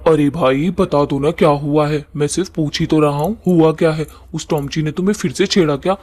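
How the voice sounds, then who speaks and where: Man playing a cheeky cartoon suitor, fairly high voice, teasing, flirty, dry sound. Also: steady tone, brisk, darkish tone, dry recording, natural voice. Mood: pestering.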